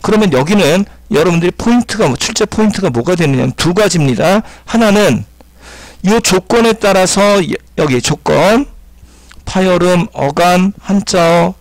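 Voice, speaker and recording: A man's voice: high-pitched, no room sound. A man teaching an exam-prep grammar lecture, explaining step by step and repeating key terms as he sounds words out. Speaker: Korean language teacher.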